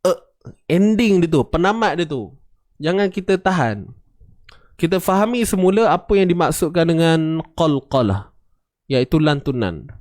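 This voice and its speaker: A man's voice: on the high side, big pitch swings, moderate pace, long pauses, darkish tone, dry recording, clean studio sound. A man teaching Quran recitation rules, patiently demonstrating and repeating sounds for his students. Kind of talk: tajwid lesson with recited examples.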